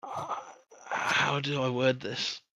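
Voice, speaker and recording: A man's voice: medium pitch, level tone, slow, sharp tone, no room sound, full character voice, low-quality recording. A man playing a cheeky, evasive job candidate in an improvised comedy role-play.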